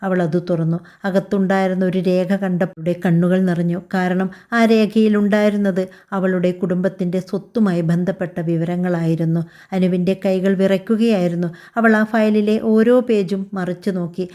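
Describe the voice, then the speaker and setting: A woman tells a scripted story in a calm, even way. Her voice sits low and sounds mellow and soft. She reads every part in that same steady narrating voice. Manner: calm, even storytelling voice that also reads all the characters' lines.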